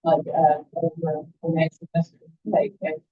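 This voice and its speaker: A meeting participant asking questions in a halting way, heard through tinny video call audio. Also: medium pitch, huge pitch swings.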